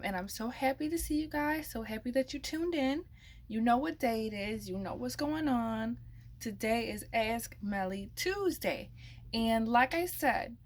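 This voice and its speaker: Chatty, sassy woman podcast host. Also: on the high side. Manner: chatty, playful asides and sassy slang. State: slightly hoarse. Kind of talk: casual advice podcast monologue.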